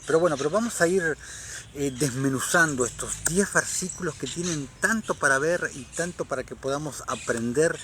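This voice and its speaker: A man reading scripture and preaching on it, fervent and rising to loud, emphatic declarations. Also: medium pitch, a little hiss or hum. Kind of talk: Bible reading and sermon commentary.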